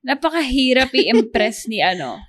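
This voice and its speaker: A young woman in her twenties from the Philippines, co-hosting a podcast in casual chat, a lively, playful storyteller. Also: on the high side, moderate pace. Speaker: podcast co-host.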